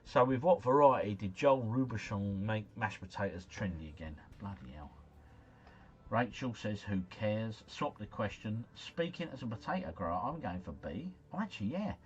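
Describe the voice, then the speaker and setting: A man with a lowish voice and lively intonation hosts a quiz-game livestream at a moderate pace, over lo-fi sound with slight background noise. Chatty and jokey, he reads viewers' messages aloud and mumbles through foreign names.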